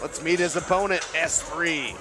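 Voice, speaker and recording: High-voiced male boxing play-by-play commentator. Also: moderate pace, music in the background, crowd noise. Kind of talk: live sports commentary.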